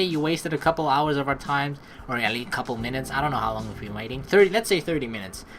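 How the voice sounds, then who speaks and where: A young woman hosts a let's play, teasing and slangy, blending casual commentary with reading the game's narration aloud. Her voice rumbles low and is a bit bright, with faint game music behind it.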